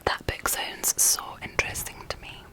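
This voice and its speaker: A woman speaking in a soft, unvoiced whisper, unhurried and informal, as an ASMR host chatting and reading about books. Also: low-quality recording.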